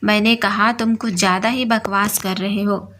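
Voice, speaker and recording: A woman voicing a bold young bride who speaks calmly but cuttingly. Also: mid-range voice, normal speed, slight background noise, close to an everyday voice. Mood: defiant. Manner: calm but cutting, defiant. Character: bold, sharp-tongued young bride, a surgeon.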